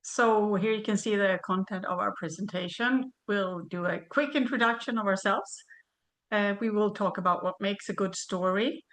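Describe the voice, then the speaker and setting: Over a video call, a Swedish woman in her fifties reads a prepared webinar presentation at a measured pace. Her voice is mid-range and a bit bright.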